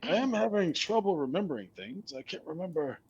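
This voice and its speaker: A man voicing a confused, forgetful skeleton in a tabletop game, helpful but halting and trailing off. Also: sits high, very animated, muffled recording, a crowd in the background, pitched above the performer's own voice.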